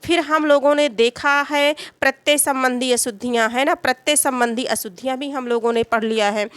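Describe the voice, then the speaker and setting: A woman with a high voice teaches an exam-prep grammar lesson. She repeats key terms, asks and answers her own questions, and keeps checking in with her students. The recording is dry and close, with no room sound. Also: fairly even intonation, normal speed, fairly bright tone, clean tone, no echo.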